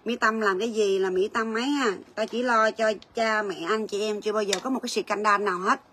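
Bright-voiced chatty woman selling gold. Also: medium pitch, steady tone, slight background noise. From Vietnam. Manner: chatty, rapid price calls, storytelling asides. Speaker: gold shop livestream seller. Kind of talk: livestream sales chat.

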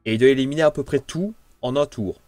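A man's voice: mid-range voice, quick pace, darkish tone, dry recording, soft background music. A man with a French accent giving casual, playful commentary on his own card game as he plays, thinking aloud. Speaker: gameplay commentator.

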